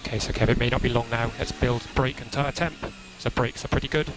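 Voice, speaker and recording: A medium-pitched man serving as race engineer keeps his radio briefings calm and procedural, restating crucial instructions in an even, measured way. It comes through as a crackly, noisy motorsport team radio transmission.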